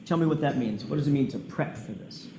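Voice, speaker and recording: A man's voice: medium pitch, lively intonation, fast talker, dark tone. A man cross-examining a witness as a defense lawyer, pointed and insistent in his questioning. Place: large indoor courtroom. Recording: echoey courtroom feed, faint noise.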